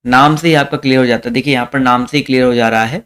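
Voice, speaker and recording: A young man with a smooth, resonant, fairly bright voice at an ordinary middle pitch runs a live online exam-prep lesson. His tone stays steady while his pace races as he reads each question, repeats it, and calls out the answer to viewers.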